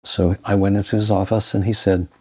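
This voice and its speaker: A middle-aged man telling his own life story in a reflective, halting way, with restarts. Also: fairly low pitch, level tone, mellow. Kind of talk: personal storytelling.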